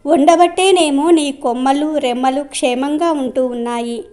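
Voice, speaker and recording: A woman voicing a sly old male sage who flatters and coaxes, in a high voice. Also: moderate pace, lightly acted. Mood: coaxing.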